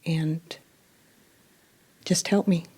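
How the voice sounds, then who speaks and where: A woman role-playing a scared eighteen-year-old pregnant girl who has told no one, speaking hesitantly with halting restarts. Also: low-pitched, steady tone, dark tone, husky, exaggerated voice. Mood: worried.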